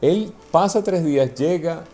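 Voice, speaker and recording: A man's voice: fairly high pitch, a little slow, faint music behind. A man preaching a sermon to a congregation, checking in with them as he goes. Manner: animated, asks the congregation questions.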